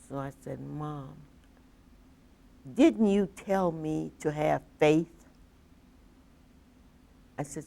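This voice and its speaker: Older woman interviewee with a deep, gravelly voice who tells stories at a slow pace and acts out the dialogue. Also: darkish tone, slight background noise. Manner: vivid, acts out quoted dialogue. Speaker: oral history interviewee. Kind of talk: personal storytelling.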